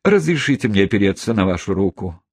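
A man doing an ardent lovestruck gentleman. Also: lowish voice, sing-song, fast talker, breathy edge, no room sound, studio quality, full character voice. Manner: pleading, ardent. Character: lovestruck portly gentleman, wounded, fervent.

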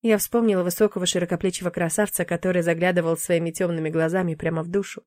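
A woman's voice: on the low side, fast talker, no room sound, studio quality. Woman narrating a fantasy audiobook. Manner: expressive, emotive reading. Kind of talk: first-person audiobook narration.

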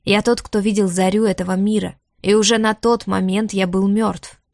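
A woman voicing an ancient, weary male dragon, speaking slowly and heavily with a rumbling tone. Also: flat delivery, vocal fry, a little mellow, no echo, studio quality, lightly acted. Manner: slow, heavy, rumbling.

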